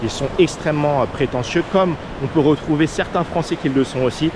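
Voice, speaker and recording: A man from France, under 40, speaks briskly in a slightly high voice with a French accent. As a vlogger and expat coach, he gives casual, earnest advice packed with fillers, while waves and traffic sound outdoors.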